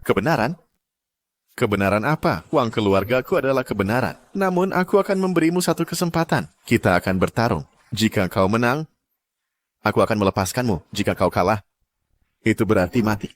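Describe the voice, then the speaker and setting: A man's voice: lowish voice, lively intonation, a little fast, a little hiss or hum, natural voice. A man dubbing a cruel, arrogant young clan heir who sneers and threatens. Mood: menacing. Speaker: villain. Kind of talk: dubbed drama acting.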